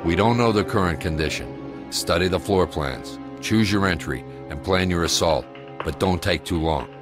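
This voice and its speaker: Deep, grave American commander giving a briefing , acted by a man. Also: over music, close to an everyday voice. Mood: grave, commanding. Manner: grave commanding briefing, measured and matter-of-fact. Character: grave, commanding male SWAT commander briefing his team. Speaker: police tactical commander. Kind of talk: scripted mission briefing for a video game.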